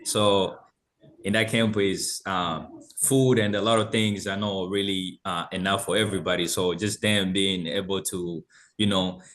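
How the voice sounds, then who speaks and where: A young man from Tanzania, an intern, earnestly telling a personal story on a webinar over a video call, halting with fillers. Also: low-pitched, fairly even intonation, a bit bright. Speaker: intern, panel guest.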